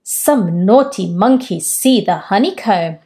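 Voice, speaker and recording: In a bookshelf-filled room at home, a storytime host reads a picture book to children. Her delivery is slow but animated, soft and expressive, and her voice rises whenever she voices a character.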